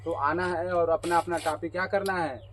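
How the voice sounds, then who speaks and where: A man with a high-pitched voice leads a classroom math lesson. He asks the students question after question and repeats what they answer back. Light background noise is present. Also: fairly even intonation, moderate pace, a bit bright, rough recording. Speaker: teacher. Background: students answering in chorus.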